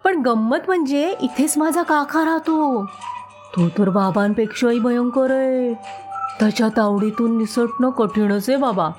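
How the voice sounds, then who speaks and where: A woman's voice: fairly high pitch, unhurried, darkish tone, faint music behind, lightly acted. A woman voicing a sly, fat trickster frog who giggles and teases, in a children's storybook tale. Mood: teasing. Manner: cheeky, giggling, teasing.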